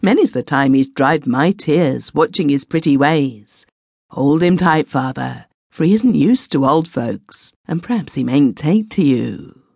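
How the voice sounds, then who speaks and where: A woman's voice: low-pitched, expressive, a little slow, gravelly, darkish tone, slightly rough, no echo, clean studio sound, exaggerated voice. Woman voicing a humble young widowed mother. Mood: coaxing. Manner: earnest rustic country dialect.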